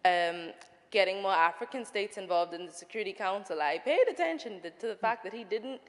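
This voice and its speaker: A young woman from the Bahamas speaks from the audience in a thoughtful, articulate way. Her pitch sits in the middle. Long reverb fills the large hall around her. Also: expressive, fairly quick. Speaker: audience member. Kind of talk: audience comment at a panel.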